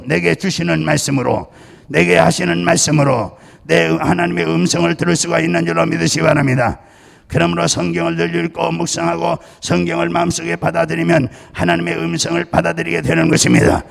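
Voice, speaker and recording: Male pastor from Chungcheong, gravelly, slightly high voice, emphatic sermon delivery in a church with a long echo. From Chungcheong, Korea. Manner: emphatic preaching with repeated calls to believe; jokes with the congregation. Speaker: senior pastor. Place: church sanctuary. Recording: long church-hall reverb.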